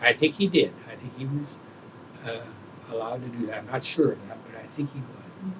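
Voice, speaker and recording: Male, around eighty, old veteran recalling his past in an interview, searching for words, slight background rumble. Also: lively intonation, fairly quick. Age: older, around 80. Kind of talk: oral history interview, reminiscing.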